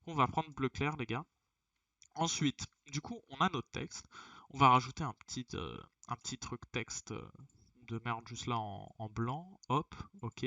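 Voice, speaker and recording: A young man casually walking viewers through a tutorial, chatty, narrating each click with a quick "hop". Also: medium pitch, sharp tone, dry recording. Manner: chatty, talks to viewers as "les gars". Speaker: tutorial creator. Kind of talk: casual screen-recorded tutorial. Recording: distant, dull lo-fi dry recording.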